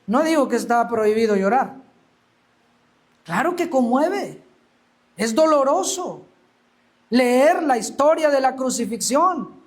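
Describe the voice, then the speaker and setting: A man's voice: very high-pitched, animated, slow pace, long pauses. A male preacher delivering an emphatic sermon, acting out the Bible scenes he tells. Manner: emphatic, acts out quoted Bible speech.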